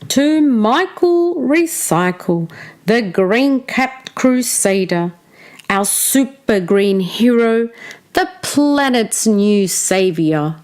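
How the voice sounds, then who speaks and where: A woman with a fairly high voice reads a children's storybook aloud the way a teacher would, phrasing things expressively and deliberately for young listeners.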